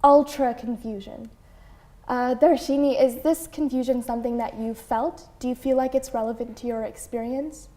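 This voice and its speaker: Soft-voiced young woman hosting an interview. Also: fairly high pitch, steady tone, moderate pace. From Canada. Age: young adult. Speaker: host.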